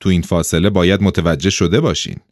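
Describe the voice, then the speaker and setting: A man doing a calm, unshakable official. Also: sits low, no room sound, studio quality. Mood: cool, firm. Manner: steady, unflustered, firm.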